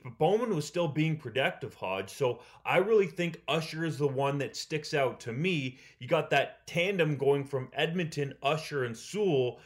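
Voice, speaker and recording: A man co-hosting a sports talk show, giving casual, measured analysis. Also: mid-range voice.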